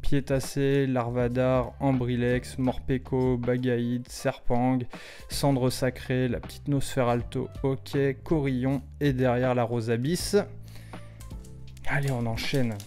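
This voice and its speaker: Man, mid pitch, casual vlog chatter, bursts of excited shouting, faint background music. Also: slow. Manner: excitable, exclaims loudly over cards. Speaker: card-opening YouTuber.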